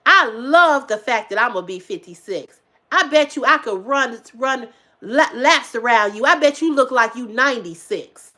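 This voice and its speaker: Expressive and at a normal speed, a livestream host in her fifties talks emphatically to viewers, repeating herself to drive points home. Free with her swearing, she veers between loud exclamations and hushed asides.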